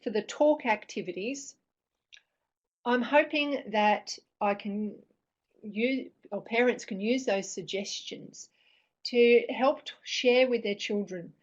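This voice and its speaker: A middle-aged woman giving an informal explanatory presentation in a hesitant, thoughtful way, with frequent pauses and restarts. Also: mid-range voice. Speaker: presenter on parents reading with children. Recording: dull, lo-fi sound.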